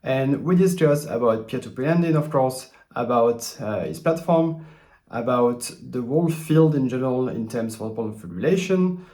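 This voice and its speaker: A man's voice: medium pitch, lively intonation, moderate pace, warm tone. A man hosting a channel, introducing an interview in a straightforward way with a few fillers. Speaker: channel host. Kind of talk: video introduction.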